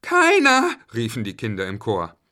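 Male storyteller, bedtime tale, slow, lively pitch. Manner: slow, expressive.

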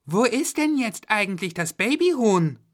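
Man playing a worried small boy, raised pitch, questioning. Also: very animated, moderate pace. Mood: curious. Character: curious worried young boy.

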